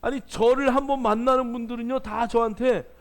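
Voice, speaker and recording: A man's voice: very high voice, fairly even intonation, fairly quick. A male pastor preaching a sermon in church, joking with the congregation and urging them on. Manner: playful, jokes with the congregation; exhorting, calls out to the congregation.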